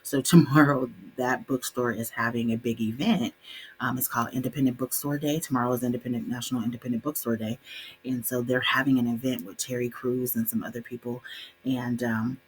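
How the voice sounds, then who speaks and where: A young adult woman co-hosting a podcast, telling a story in a casual, animated way and doing the voices of her relatives. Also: extremely low pitch, brisk, husky. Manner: animated, voices quoted relatives, laughs often. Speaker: podcast co-host.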